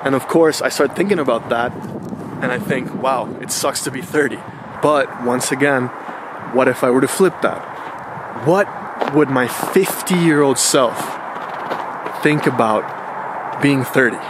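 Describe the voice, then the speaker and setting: Unhurried and given to long pauses, a man in his thirties reflects aloud for his vlog in a mid-range voice, relaxed and chatty with slangy asides. Background noise can be heard.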